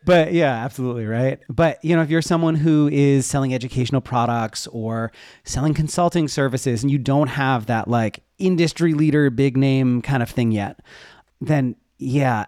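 A man with a mid-range, slightly mellow voice speaks at a moderate pace in a dry, studio-quality recording. He's a web development educator appearing as a podcast guest, talking casually and candidly in an interview as he explains things from his own experience.

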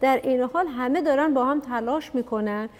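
Female panelist, somewhat high-pitched, thoughtful and storytelling, reverberant recording. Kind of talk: reflective discussion. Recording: long reverb.

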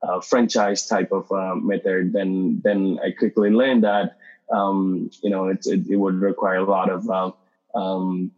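A man from Sri Lanka, whose first language is not English, speaks as a podcast guest in a low voice. He talks haltingly, with many "um"s and restarts. The sound is slightly muffled. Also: level tone, darkish tone. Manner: hesitant, many fillers and restarts. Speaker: guest, startup founder. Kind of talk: podcast interview.

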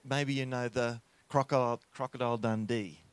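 An Australian man who is a guest preacher, giving a friendly, joking sermon in short phrases and pausing for an interpreter. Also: mid-range voice, steady tone, clean tone, no echo. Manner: friendly, jokey, pauses for the interpreter.

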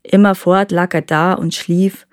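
Brief: a woman storyteller, calm and measured fairy-tale reading, close and dry. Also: lowish voice, no echo. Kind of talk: reading a folk tale aloud.

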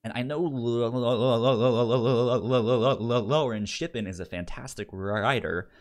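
A man with a medium-pitched voice co-hosts a podcast, talking at a measured pace in a casual review discussion. He stammers, frequently repeating syllables and words.

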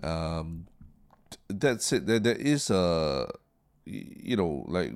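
A man with a deep voice and a Singaporean Singlish accent. He discusses things casually as a podcast co-host, choosing words carefully, with hesitations and repeated words. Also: big pitch swings, takes it slowly, creaky, clean tone.

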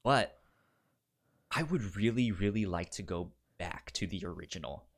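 This podcast co-host talks in a relaxed way with a deep voice and lively intonation, though he stutters at word beginnings and frequently repeats syllables and words in a halting manner.

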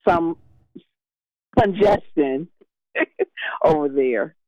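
A woman calling in a live traffic report over a clipped phone line, halting and tongue-tied with lots of fillers. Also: deep voice, animated, dry recording. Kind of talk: live traffic update on a radio call.

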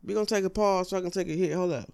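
A man hosting his own show, delivering a profane comedic rant with exasperated, high-pitched outbursts. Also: very fast, gravelly, darkish tone, clear, resonant tone. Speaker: host.

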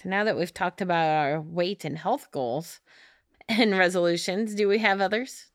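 A woman's voice: fairly low pitch, normal speed, no room sound, studio quality. A woman co-hosting a podcast, chatting casually and laughing often. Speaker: podcast co-host. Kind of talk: casual chat.

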